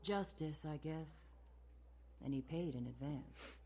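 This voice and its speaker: Low-voiced noir woman detective, world-weary. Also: takes it slowly, warm tone, a little hiss or hum. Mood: dry. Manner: sultry, dry, cool, sardonic. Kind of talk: film noir detective narration and dialogue, video game voice acting. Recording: music under the voice.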